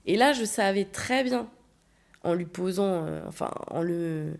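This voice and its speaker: A woman with a lowish, gravelly voice tells a story on her podcast. She talks casually and bluntly, and acts out what each person said with lively energy. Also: measured pace. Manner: blunt, animated, acts out quotes. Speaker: podcast host.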